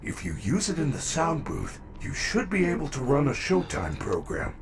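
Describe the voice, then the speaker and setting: An actor playing a gentle, protective animatronic bear robot in a video game, speaking in a formal, measured and courteous way. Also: male voice, a little high, wildly swooping pitch. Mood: calm, instructive. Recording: noisy game capture.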